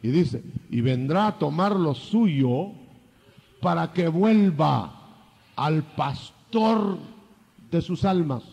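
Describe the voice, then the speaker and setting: An older man preaching a sermon, lively, acting out biblical dialogue in changing voices. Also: on the high side, takes it slowly, gravelly, husky, long reverb tail.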